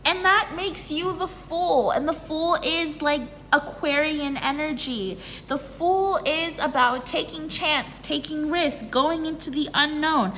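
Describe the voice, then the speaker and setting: A woman doing a casual tarot reading in a bubbly, excitable, chatty way. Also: sits high, a little hiss or hum. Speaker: tarot reader. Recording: reverberant room with faint ambience.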